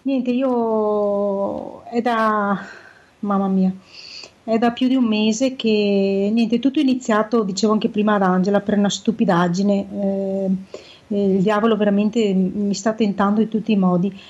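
A woman's voice: mid-range voice, steady tone, unhurried, darkish tone, lo-fi sound. A woman with a Veneto accent from northeastern Italy, chatting casually and effusively as a call-in guest. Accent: Venetian (Veneto) Italian. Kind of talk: casual chat.

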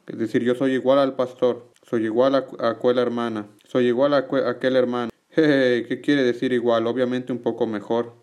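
A man's voice: medium pitch, a little mellow. Earnest man narrating a sermon. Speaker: narrator relaying a preacher's teaching. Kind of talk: religious teaching narration.

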